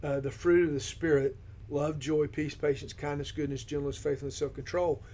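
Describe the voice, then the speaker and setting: A man on a ministry team who guides a podcast discussion, affirming his partner and posing questions in a steady manner. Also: fairly high pitch, fairly quick. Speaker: discipleship ministry team member leading the discussion.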